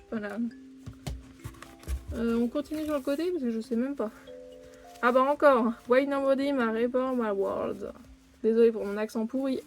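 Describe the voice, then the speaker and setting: A woman's voice: fairly high pitch, darkish tone. A young woman chatting casually at home while unboxing manga, rambling and breaking off her own sentences. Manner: chatty, rambling, self-interrupting with many "hein". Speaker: manga collector vlogger. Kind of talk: casual unboxing chat to camera. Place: home room near her desk.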